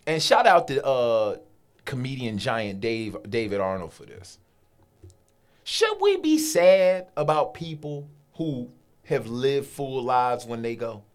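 A man co-hosting a casual chat, joking and teasing in a relaxed, playful way. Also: medium pitch. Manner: joking, teasing, lively storytelling. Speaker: podcast co-host.

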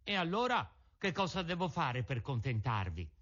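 A man's voice: on the high side, very animated, normal speed, a bit bright. A man voicing a cheeky wooden puppet boy in a storybook reading, answering with cocky, teasing retorts. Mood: questioning. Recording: dull lo-fi recording.

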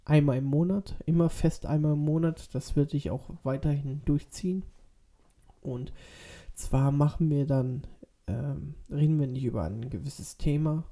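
Guy w/ stuffy nose from a cold doing a casual solo podcast, slowish n halting, bit higher pitched, creaky. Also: mellow. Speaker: podcast host.

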